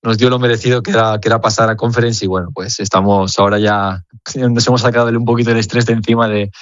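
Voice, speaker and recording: A young man from Spain, a footballer, answering questions earnestly over the phone, halting and repeating words as he searches. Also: lowish voice, fairly even intonation, dry recording, dull audio. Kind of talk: phone interview.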